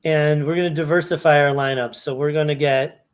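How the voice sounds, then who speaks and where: A man's voice: a little high, fairly even intonation, a little fast. Chatty man thinking aloud over data. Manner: thinking aloud, self-correcting, conversational. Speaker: fantasy sports analyst. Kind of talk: casual screen-share walkthrough.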